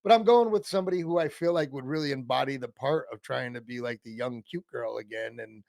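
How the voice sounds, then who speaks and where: A man's voice: mid-range voice, a little fast, creaky, a little mellow, no room sound. A man co-hosting a casual fan podcast about an old TV show, rambling and self-interrupting, laughing often. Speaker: podcast co-host.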